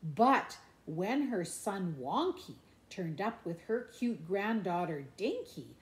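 A middle-aged grandmother reads a picture book aloud to her grandchildren in a room at home, slow and expressive with a playful sing-song lilt and animated asides. Her voice is medium in pitch, and the home recording sounds roomy and echoey.

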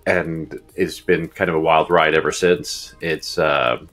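A Uruguayan man in his fifties appears as a guest futurist, giving long, casual interview answers over a video call from his home office on earbuds. His voice is extremely low and fairly bright, with fairly even intonation and an unhurried pace. He rambles with many ums, fillers, and restarts as faint music plays behind him.

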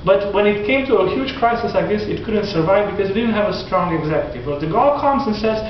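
A man in his forties lectures in a classroom in front of a whiteboard, animated and gesturing, frequently restarting sentences. His voice is high-pitched and fast, captured by a distant camera in a dull, lo-fi, echoey recording with slight background noise.

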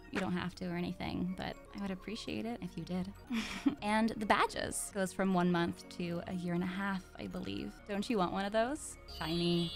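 A woman's voice: on the low side, gravelly. A woman streaming in character as a demon monarch, talking in a playful, teasing, giggly way.

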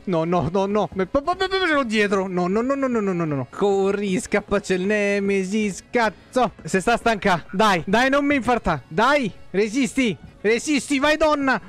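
A man's voice: high-pitched, lively intonation, moderate pace, hardly any pauses, soft background music. A young man streaming a horror game, swearing constantly and yelping in panic. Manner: swears a lot, panicky yelps and shouting. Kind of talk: live gameplay commentary.

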